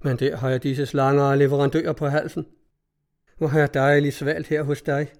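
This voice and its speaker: A male reader voicing a tired, sulky army lieutenant in a storybook reading, speaking slowly and gruffly. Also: a little high, flat delivery, close to an everyday voice. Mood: weary. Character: weary, grumpy young army lieutenant.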